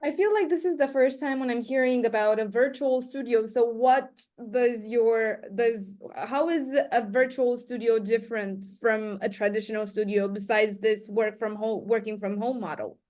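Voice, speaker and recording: A woman's voice: fairly high pitch, fairly even intonation, normal speed, hardly any pauses, a little mellow. A woman asking questions as an interviewer in a conversational style.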